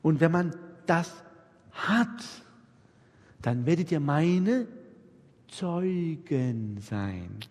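He speaks on the higher side with a darkish tone, lively intonation, stretched-out words and long pauses. As the leader of a hands-on church workshop, he drives his points home emphatically, repeating them and frequently checking that people follow. A live-recording microphone captures him in a hall with a long, echoing reverb.

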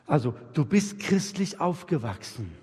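His voice is on the high side, darkish and husky, with big pitch swings and a somewhat slow pace. Leading an interactive church workshop, he coaches his listeners emphatically, says things more than once, and checks they keep up; a live-recording microphone picks him up in a reverberant, long-echo hall.

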